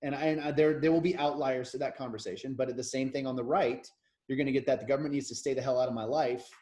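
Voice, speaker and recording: On a podcast, an American co-host in his thirties discusses politics casually, rambling and opinionated with many false starts. He speaks at a quick pace in a medium-pitched, dark, steady-toned voice.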